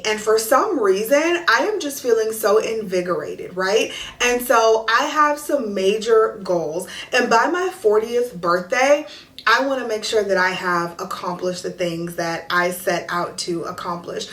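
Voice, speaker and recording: A woman's voice: mid-range voice, fairly bright tone, far from the mic. A woman in her thirties talking straight to her viewers in an upbeat, chatty vlog, hyping them up about the year ahead. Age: 30s. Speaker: lifestyle vlogger. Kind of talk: upbeat direct-to-camera vlog chat. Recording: echoey room with faint music.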